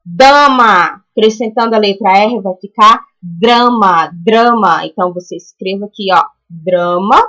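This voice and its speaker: A Brazilian woman teaching a primary school class in a recorded lesson, walking through each exercise patiently and stretching out example words slowly. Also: medium pitch, bright, forceful tone, rough recording. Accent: Brazilian Portuguese. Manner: patient, explains step by step and checks in with "tá?".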